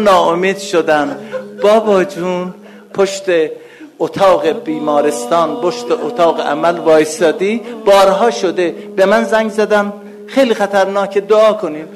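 A man preaching who acts out a desperate grown man pleading with a father figure for help, in a high, strained, tearful voice. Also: close to an everyday voice.

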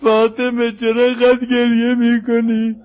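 A man's voice: very high voice, monotone, dull audio. A man performing a mournful religious recitation, half spoken and half chanted, his voice turning tearful and plaintive.

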